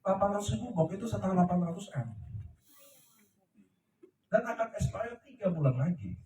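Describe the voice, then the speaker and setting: Middle-aged guy preaching at a seated crowd, high lively voice, echoey hall, a bit off the mic. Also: fairly quick, recorded from a distance, a little hiss or hum. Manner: emphatic, preachy, asks the crowd "ngerti ya?". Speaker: company leader speaking to his team. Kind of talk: motivational talk to a live audience. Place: large room before a seated audience.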